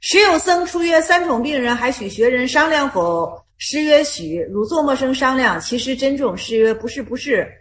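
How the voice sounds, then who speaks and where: A woman with a high voice leads a small Buddhist study group. She retells Zen koans in everyday language and speaks. She often loops back to the same question to press the point. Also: expressive, moderate pace, hardly any pauses, fairly bright tone. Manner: repeats herself, asks rhetorical questions, retells stories in plain speech.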